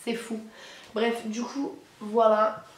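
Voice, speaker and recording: Slow, completely flat, and a little high, the voice belongs to a teenage or young adult French high schooler who is hoarse and husky with a cold. She presents her sneaker buys in casual, slangy talk to camera, with echo in the room and music playing.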